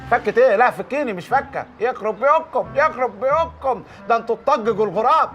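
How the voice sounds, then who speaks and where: A frantic, hapless young man with an Egyptian accent, pushing his way through obstacles. His voice sits very high and races along, switching from sweet-talk to insults. Music plays under him. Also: expressive, fast talker, fairly bright tone. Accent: Egyptian Arabic. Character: brash hapless young man on a rescue errand. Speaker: comic lead in a TV series.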